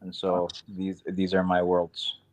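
A man's voice: low voice, monotone, slow. A young man, a laid-back imam chatting casually as a podcast guest. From Queens, New York.

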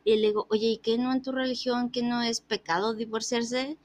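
A woman's voice: a little high, normal speed. A woman, telling a funny story in casual chat and acting out the other person's lines, laughing often. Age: 30s. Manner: animated, acts out quoted dialogue, laughs often.

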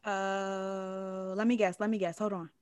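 A woman's voice: mid-range voice, little pitch movement, unhurried, a little mellow, clean tone. A woman co-hosting a podcast, chatting playfully and laughing easily. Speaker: podcast co-host. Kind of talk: casual chat.

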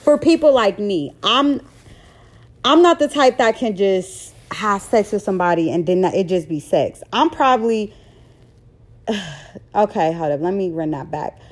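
A woman's voice: medium pitch, expressive, measured pace. Candid woman podcaster in her thirties. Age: 30s. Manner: candid and blunt, stumbling over words. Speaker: podcast host. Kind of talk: casual solo podcast monologue.

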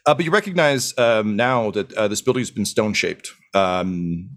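A man's voice: lowish voice, normal speed, a bit bright. A man narrating as dungeon master in an improvised tabletop game, loose and full of fillers and chuckles.

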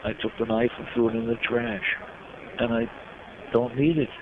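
Older male guest from New York, reflective storyteller with frequent pauses; muffled lo-fi recording with steady noise behind. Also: mid-range voice. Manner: reflective, heartfelt, pausing often. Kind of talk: personal storytelling in an interview. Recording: dull lo-fi sound with clear background noise.

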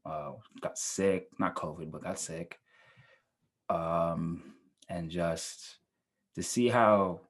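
Deep, husky young man chatting. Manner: laid-back, reflective, hypes his co-host. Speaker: podcast co-host. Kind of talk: casual chat.

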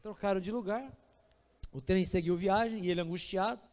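A male pastor with a Brazilian Portuguese accent preaches in an emphatic, storytelling way. His voice sits very high for a man. A long church-hall reverb rings around his words. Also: normal speed, a little mellow. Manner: storytelling, emphatic, acts out scenes. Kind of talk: sermon.

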